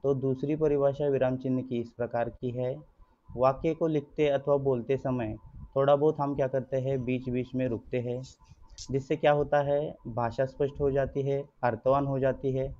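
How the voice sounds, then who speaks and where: A man's voice: medium pitch, level tone, moderate pace. A male school teacher gives an online grammar lesson over slides, patiently explaining to the children and constantly posing rhetorical questions that he answers himself. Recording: dull lo-fi recording.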